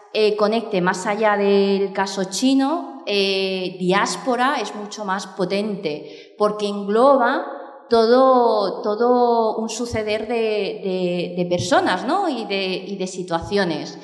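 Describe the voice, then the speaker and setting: A woman documentary filmmaker thinks out loud in a big, echoey room with long reverb, her medium-pitched voice taking things slowly. She sounds reflective, using lots of "eh" and other fillers and restarting often, in the style of a thoughtful interview.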